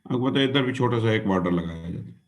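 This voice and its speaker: Lively man teaching a class. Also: on the low side, fast talker. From Pakistan. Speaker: exam-prep teacher. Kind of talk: classroom lecture.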